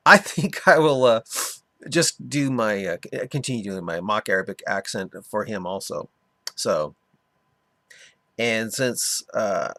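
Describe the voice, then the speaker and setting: A man's voice: on the low side, a bit bright, no echo. A man hosting a video, reading a comment aloud and answering it with many hesitant fillers. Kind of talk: casual commentary.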